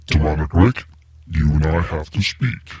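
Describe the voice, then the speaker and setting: A man voicing a menacing male demonic villain from a fantasy game, with a gravelly rasp. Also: rumbling low, a little slow, a little mellow, dry recording, exaggerated voice. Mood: threatening. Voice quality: very raspy, gravelly.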